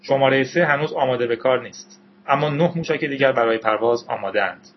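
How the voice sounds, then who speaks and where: A man's voice: mid-range voice, a little hiss or hum, lightly acted. A man voicing a naive young deputy. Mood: earnest. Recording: dull lo-fi recording.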